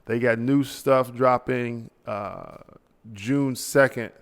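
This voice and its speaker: A man's voice: mid-range voice, takes it slowly, big-room sound. A man hosting his own podcast alone, ranting casually and rambling with slang, tired late at night. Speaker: podcast host. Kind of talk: solo casual monologue.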